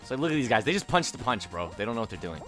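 A young man chatting excitedly with friends while playing an online game, laughing and swinging from mutters to shouts. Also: mid-range voice, racing, soft background music. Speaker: gaming YouTuber. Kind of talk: excited gameplay chat with friends.

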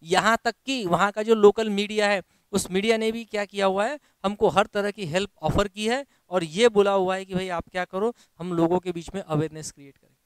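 A man with an Indian accent gives an exam lesson, reading English sentences slowly and then explaining them in Hindi. His voice is fairly high and smooth. He prods his students with rhetorical questions, recorded dry and close. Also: no room sound. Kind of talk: classroom lecture.

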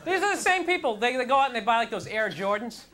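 A young man doing a stand-up routine on a TV studio stage, exasperated and self-mocking, jumping up into high mocking voices. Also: very animated, quick pace. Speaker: stand-up comedian. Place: TV studio stage with live audience. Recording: noisy, with loud audience laughter.

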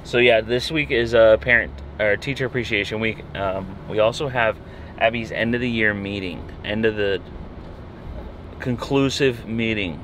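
Middle-aged dad vlogger, low voice, dry teasing humor, noisy handheld recording. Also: male voice, moderate pace, fairly bright tone. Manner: joking, dry sarcasm. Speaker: vlogger father. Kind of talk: casual family vlog chat.

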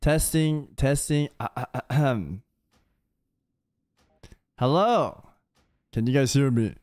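A young man streams a game at home, teasing his group in casual voice chat at a slow pace in a mid-range voice. He sounds playful, jumpy and animated, close to a boom-arm studio mic in a home streaming room with no room sound.

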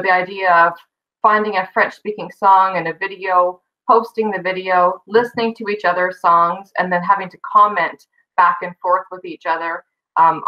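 A middle-aged woman with a mid-range voice shares examples at a board meeting held over video call. She talks conversationally, correcting herself as she goes. The audio is a bit dull and lo-fi. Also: medium pitch. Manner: conversational, with fillers and self-corrections. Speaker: school board administrator presenting. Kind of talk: presentation at a remote board meeting. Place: indoor room on a video call.

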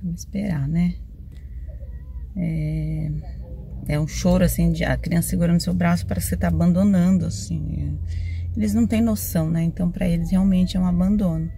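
A woman's voice: on the low side, steady tone, fairly quick, gravelly, dark tone, slight background noise. A young mother from Brazil chatting casually to viewers in a phone vlog, confiding and talkative. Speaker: vlogger mother. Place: on the go outdoors and in a car, rainy day.

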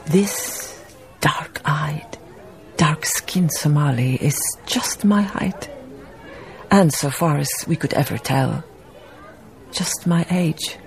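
Whispering in a low register, a radio-drama actress plays a reflective Danish baroness telling her life story in a musing, literary, melancholy manner, slow and husky-breathy, with an exaggerated voice. Soft music plays in the background along with some chatter.

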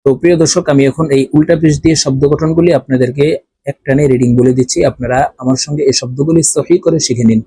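Male recitation teacher, Bangladeshi accent, mellow tone, dry close sound, spells out syllables slowly. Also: mid-range voice, fairly even intonation, husky, no echo. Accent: Bangladeshi Bengali. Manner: slow drawn-out syllable drills, repeating each word. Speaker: Quran reading teacher. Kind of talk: step-by-step recitation lesson.

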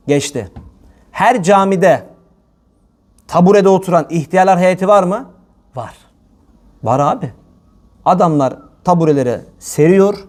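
A man preaching a religious talk, casual and scolding, addressing listeners like brothers. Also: high voice. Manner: animated and colloquial, scolding, calls listeners brother.

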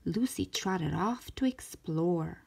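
Reading a children's story aloud, a woman speaks slowly with lively, swooping pitch in a slightly husky voice. She gives each short sentence careful, expressive shaping for young listeners, keeping her storytelling animated.

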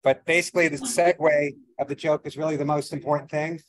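A man's voice: a little high, level tone, brisk, rough recording. Rambling man hosting a seminar. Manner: rambling, self-deprecating, many fillers. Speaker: seminar host, financial advisor. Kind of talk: casual opening remarks at a seminar. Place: event venue with a live audience.

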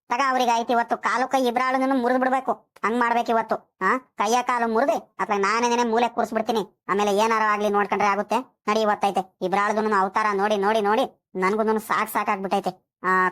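A woman's voice: on the high side, a bit bright, lightly acted. A woman voicing a suspicious, scolding village woman in a cartoon. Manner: fussing, scolding. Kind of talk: cartoon voice acting.

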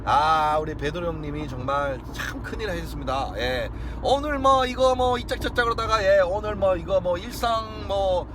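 A boisterous male live-streamer with a Gyeongsang accent holds forth in an excitable monologue. His voice sits high and swings widely, given to shouting and chanting. Clear vehicle and street noise runs through the recording. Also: moderate pace, few pauses. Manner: boisterous, bursts into shouting and mock-religious chanting.

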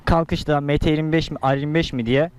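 Fast-talking young man vlogging inside a helmet. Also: fairly high pitch, steady tone, smooth. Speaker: motorcycle vlogger. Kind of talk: casual motovlog chat and commentary.

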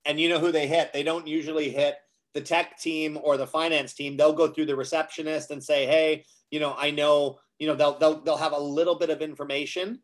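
A man with a slightly high voice tells long anecdotes in relaxed conversation. He slips in quoted dialogue as he goes and leans on ums and uhs between thoughts. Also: brisk. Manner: storytelling, acts out quoted dialogue with many fillers. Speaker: guest speaker on cybersecurity. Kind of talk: casual conversation on a live show.

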